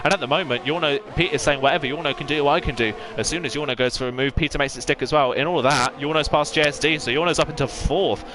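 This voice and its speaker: A man's voice: fairly high pitch, fast talker, hardly any pauses. A man giving fluent, detailed live play-by-play commentary as an esports sim racing commentator.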